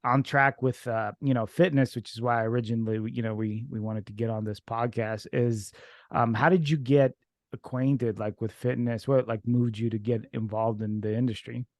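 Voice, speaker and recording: A man's voice: mid-range voice, steady tone, normal speed, dry recording, studio quality. A man from Ukraine whose first language is Russian, hosting a casual podcast interview and rambling with many fillers and restarts. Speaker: podcast host.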